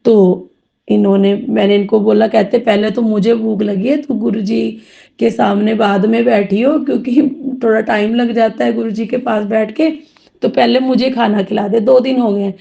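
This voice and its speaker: A woman's voice: fairly high pitch, steady tone, normal speed, creaky, warm tone. A woman giving a rambling, heartfelt devotional testimony, full of thanks, recorded dull and lo-fi.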